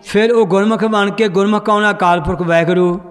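A man's voice: high voice, fairly even intonation, a little fast, long reverb tail, over music. A man teaching a group how to read and understand scripture, quizzing the class and then answering himself. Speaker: Gurbani grammar teacher.

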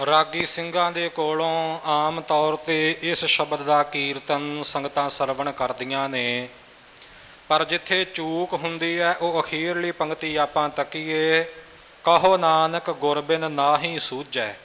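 A man's voice: fairly high pitch, little pitch movement, takes it slowly, pushed and bright. A man teaching how to pronounce scripture correctly, carefully spelling out syllables and correcting common mistakes. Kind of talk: instructional explanation of pronunciation. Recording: long hall reverb, faint hiss.

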